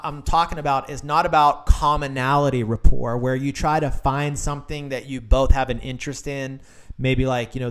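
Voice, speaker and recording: A man hosting a solo video Q&A, giving practice-building advice in an enthusiastic, emphatic way and repeating phrases for stress. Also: medium pitch. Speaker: practice-building coach and show host.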